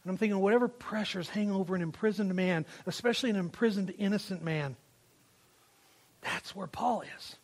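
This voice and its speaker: A man preaching a sermon in a strikingly high voice. He is emphatic and repeats his phrases, swelling loud and then falling quiet. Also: brisk. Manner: emphatic, repeats phrases, rises and drops in volume. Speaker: pastor.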